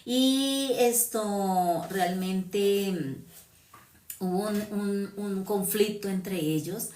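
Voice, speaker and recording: Colombian woman with a Huila accent, informal preacher, chatty, keeps asking her listeners to agree, medium pitch, recorded off-mic in an echoey room. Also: extremely slow, a little mellow, far from the mic. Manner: conversational, asks "¿no?" and "¿sí?" often. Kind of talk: informal sermon.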